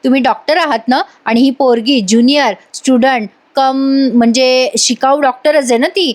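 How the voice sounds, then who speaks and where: A woman's voice: sits high, fairly even intonation, moderate pace, lightly acted. Woman reading as an arrogant young man. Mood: scornful.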